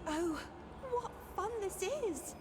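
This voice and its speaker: A woman's voice: a little high, slow pace, background noise. A woman voicing a girlish, ethereal tree spirit in a video game, with a bubbly sorority-girl Valley Girl accent and theatrical delivery. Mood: playful, bubbly. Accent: Californian Valley Girl. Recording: game music behind the voice.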